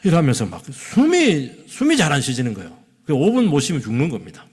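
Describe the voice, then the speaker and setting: A man preaching a sermon as pastor in a church, swinging between loud exclamations and hushed asides. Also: mid-range voice, huge pitch swings, fast, husky. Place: church sanctuary. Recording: long reverb of a church hall.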